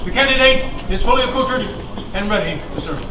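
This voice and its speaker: High-pitched man giving a formal charge. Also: animated, brisk. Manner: formal, exhorting, in short declarative phrases. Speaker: knight officiating at a ceremony. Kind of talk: ceremonial address. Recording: echoey, distant, noisy live recording.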